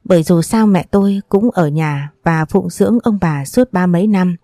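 A woman narrating a first-person audiobook story in a steady, sorrowful reading voice. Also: on the low side, normal speed, no echo, clean studio sound.

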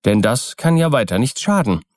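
A man voicing an excitable, wary young man in an audiobook reading. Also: mid-range voice, normal speed, no room sound, clean studio sound, close to an everyday voice. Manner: raised, urgent, excitable delivery. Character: young man, wary then alarmed by a magic bottle. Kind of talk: audiobook character voice.

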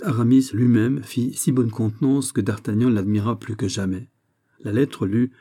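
A man narrates a classic novel in a measured, steady audiobook delivery. His voice is low and very dark.

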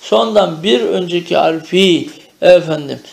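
A man's voice: sits high, unhurried, gravelly, echoey room. A man teaching a traditional madrasa-style Arabic lesson, chanting verb conjugations in rhythmic drills and explaining them in Turkish, often checking with "değil mi?".

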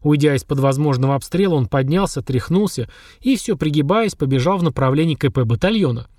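A man narrating an audiobook in a steady, even reading style. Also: fairly high pitch, a little fast, dry recording, clean studio sound. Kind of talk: scripted narration.

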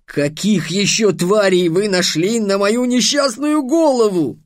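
A man voicing a weary, exasperated wizard who talks loudly and slowly. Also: high-pitched, big pitch swings, slightly rough, no room sound, clean studio sound, voice pushed up, full character voice. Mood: groaning. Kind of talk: audiobook character voice.

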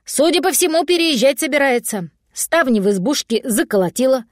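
A woman voicing an unseen male voice from the forest who talks in a brisk, folksy, bantering way. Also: high-pitched, lively intonation, no echo, clean studio sound, pitched above the performer's own voice. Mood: friendly.

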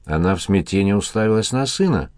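A man narrating an audiobook in a steady, even reading voice. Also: sits low, fast, no room sound, clean studio sound. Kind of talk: scripted narration.

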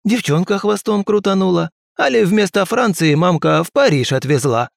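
A man voicing a rough, hoarse middle-aged drunk who talks in coarse, mocking folksy speech. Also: high-pitched, lively intonation, moderate pace, no room sound, studio quality, voice pushed up. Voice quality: hoarse, crow-like.

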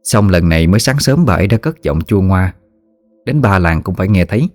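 A man narrating a ghost story in an expressive storytelling manner. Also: deep voice, brisk, dry recording. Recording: faint background music.

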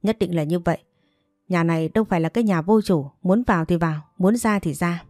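A woman's voice: lowish voice, a little fast, a little mellow, no room sound, studio quality, soft background music, natural voice. A woman voicing a stern, angry male provincial mandarin who threatens and stresses each word. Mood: stern threatening.

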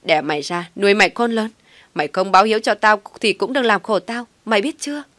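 A woman voicing a furious elderly father who shouts harsh insults at his son in a storybook reading. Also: medium pitch, fast, dry recording, pitched above the performer's own voice, close to an everyday voice. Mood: furious shouting.

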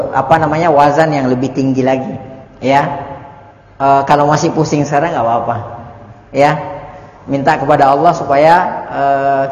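High-voiced male teacher in an echoey hall. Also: dull audio. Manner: patient, chatty, laughs often, acts out little dialogues. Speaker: Arabic teacher. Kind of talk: religious study lesson. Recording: echoey room recording.

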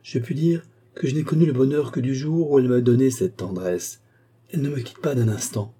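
A man's voice: mid-range voice, brisk, warm tone, husky, lightly acted. A man reading an audiobook, voicing a frail, stubborn and emotional old marquis in a raised voice. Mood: insistent. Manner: insistent, emotional.

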